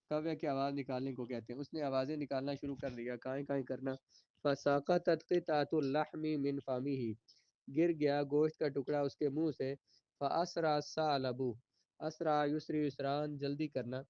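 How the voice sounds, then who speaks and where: A man with a slightly high, smooth voice leads a classroom grammar lesson. He reads each sentence slowly, then translates and explains it. The recording is close and dry. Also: a little mellow, dry recording, highs cut off. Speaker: Arabic teacher.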